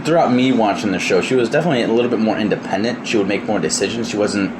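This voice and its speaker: A man's voice: fairly low pitch, rapid-fire. A man in his thirties hosting a casual podcast, chatty and opinionated, laughing often. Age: 30s. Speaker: podcast host. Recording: steady air-conditioner hum.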